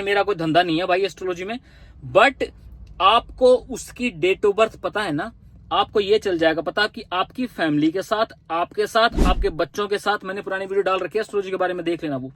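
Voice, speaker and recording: A man's voice: high voice, a bit bright, dry recording. A young man giving earnest, big-brotherly relationship advice in a casual talk to the camera, acting out little dialogues as he goes.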